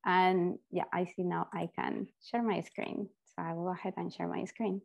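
Middle-aged Peruvian-accented woman panelist, lowish voice, earnest, restarts words; earphone mic on a video call. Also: little pitch movement, moderate pace, creaky. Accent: Peruvian Spanish. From Peru. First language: Spanish. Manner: earnest, repeats words while finding them. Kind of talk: personal story on a panel. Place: home office.

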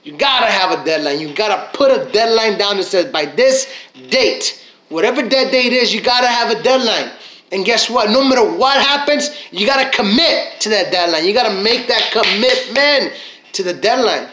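High-voiced energetic motivational speaker, a man. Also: moderate pace, echoey room, low-quality recording. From Mexican heritage. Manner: preachy, repeats phrases, acts out inner voices. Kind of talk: motivational talk.

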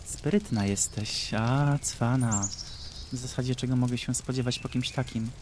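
A man voicing a cruel, mocking mad sorceress who speaks slowly and taunts in a sing-song way, for a storybook reading. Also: medium pitch, background noise, natural voice. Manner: slow, taunting, sing-song with cackling laughs.

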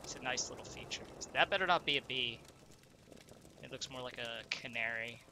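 This mid-range male voice moves at a moderate pace against a noisy background. He's a let's play gamer, congested and stuffy, chatting his way through the game and asking himself questions as he thinks out loud.

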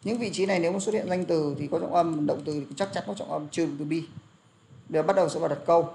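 This young man's voice is on the high side, dark in tone and creaky, and he talks at a quick pace. He's giving an English lesson, explaining pronunciation, drilling words out loud and filling gaps with frequent fillers, over faint background noise and clicks.

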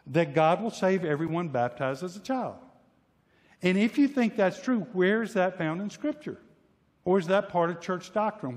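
A man's voice: high-pitched, a little mellow, in a large hall. A male pastor preaching a sermon with emphasis, often repeating and restarting words and acting out imagined voices. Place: church sanctuary.

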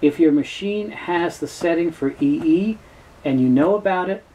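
A middle-aged presenter who sells tapes gives a casual, matter-of-fact product explanation from a cramped indoor room lined with shelves and tapes. He speaks at a moderate pace in a mellow, higher-pitched voice, with poor audio and a bit of hiss or hum.

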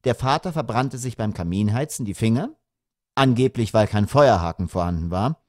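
A man narrating a humorous audiobook in a wry, lively storytelling manner. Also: on the low side, moderate pace, dry recording, clean studio sound.

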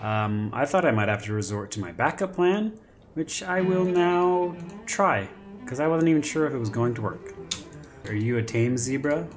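Excitable man doing panicky game commentary. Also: medium pitch, moderate pace. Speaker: gaming commentator. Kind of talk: live gameplay commentary. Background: background music.

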